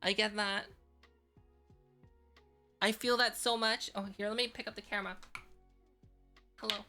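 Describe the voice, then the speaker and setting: A woman's voice: medium pitch, fairly even intonation, unhurried, sharp tone, faint music behind. A woman chatting casually as a virtual streamer on a live stream, with a cute, bubbly anime-streamer delivery. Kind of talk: casual livestream chat.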